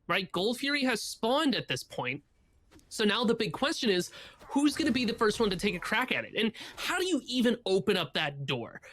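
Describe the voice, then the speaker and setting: Color commentator, very lively pitch, bright tone, analytical, faint noise behind. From central United States. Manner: animated, analytical. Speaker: esports analyst.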